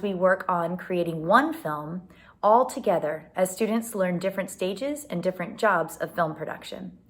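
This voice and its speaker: A woman teacher gives a calm, prepared introduction to her classes' films. Her voice sits a little low, and she explains things plainly. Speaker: film teacher.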